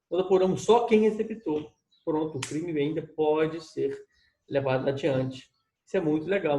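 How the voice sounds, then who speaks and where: Male law lecturer, animated and chatty, slightly high voice, roomy echo. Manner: lively, conversational, addresses students as "gente".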